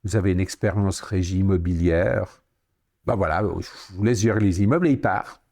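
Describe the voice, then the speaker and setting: A man in his sixties with a Swiss French accent, a podcast guest telling lively anecdotes and acting out the dialogue he quotes. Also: low-pitched, normal speed, gravelly. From Switzerland. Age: 60s. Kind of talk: storytelling interview.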